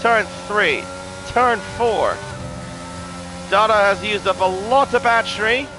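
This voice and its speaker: A man commentating live on a motor race as a motorsport commentator, excitable on the action and chatty in between. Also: high-pitched, slow, rough recording. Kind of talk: live sim racing play-by-play commentary.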